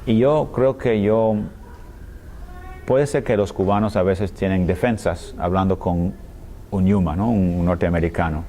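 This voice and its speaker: A scholar from the United States, whose first language is English, gives thoughtful, conversational interview answers in a language other than his own. He speaks hesitantly, with many fillers, pauses and restarts, often ending phrases with a questioning tag. His voice is low-pitched and mellow, over slight background noise.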